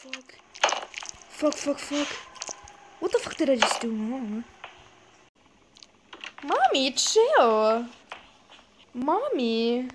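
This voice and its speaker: A woman's voice: sits high, slow pace, pauses often, noisy background. A woman commentating on a horror game, swearing a lot, laughing easily and talking to her chat. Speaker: gamer streaming a horror game. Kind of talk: casual gameplay commentary.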